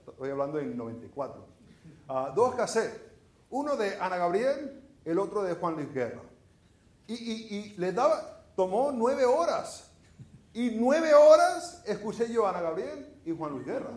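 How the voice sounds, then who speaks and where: A middle-aged Venezuelan man preaches a sermon with a Venezuelan Spanish accent, his voice sitting a little high for a man. He talks like he is telling a story to friends and keeps asking the congregation rhetorical questions. The sound is roomy, with the echo of a church hall. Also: sing-song, unhurried, darkish tone.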